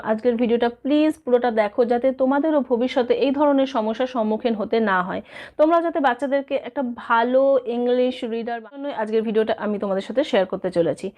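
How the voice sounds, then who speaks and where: A woman's voice: a little high, a little mellow. Chatty woman teaching letter sounds. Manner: chatty, asks and answers her own questions; sounds out letter sounds in a sing-song. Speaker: teacher giving tips. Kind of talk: casual explainer video.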